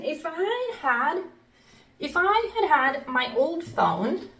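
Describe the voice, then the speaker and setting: A woman from Norway tells a casual story-time tale in a high voice, laughing often between phrases. She talks at an unhurried pace. The recording is roomy, with the mic set some way back from her. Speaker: vlogger. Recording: roomy echo, mic at a distance.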